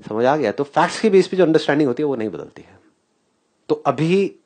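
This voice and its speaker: A man speaks to a live audience in a fairly high voice that swoops up and down with energy. He keeps firing questions at his listeners and breaks into laughter often. He slips English phrases into Hindi as he teaches. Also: animated, brisk, a little mellow. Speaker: spiritual speaker.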